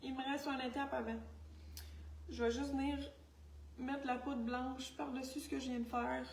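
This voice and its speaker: High-voiced Quebec woman in makeup tutorial. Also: flat delivery, moderate pace, vocal fry, far from the mic, a little hiss or hum. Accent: Quebec French. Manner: chatty, scattered, self-mocking, talks while working. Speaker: makeup artist. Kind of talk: makeup tutorial, casual talk to camera. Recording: echoey room with faint music.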